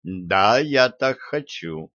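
A man's voice: lowish voice, expressive, drawn-out words, a bit bright, no echo, muffled recording, exaggerated voice. A man voicing Grenville, a suspicious, blunt male partner in a shady deal. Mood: wary blunt.

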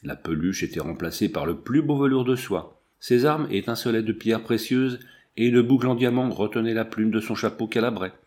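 A man narrating an adventure novel in a steady, measured reading. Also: on the low side. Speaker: audiobook narrator. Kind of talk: audiobook reading.

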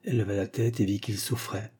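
A man calmly reading a short story aloud as narrator, in a measured way. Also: fairly low pitch, husky.

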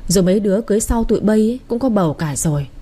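Woman reading gentle old father-in-law, soft, soothing, mellow husky. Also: medium pitch, animated, racing. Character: gentle older father-in-law, calm peacemaker.

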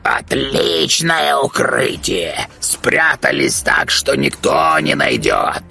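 A man voicing a spiteful male raven who shouts and mocks. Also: extremely high pitch, sing-song, extremely slow, vocal fry, slightly rough, voice pushed up, exaggerated voice. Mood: mocking. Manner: shouting, mocking.

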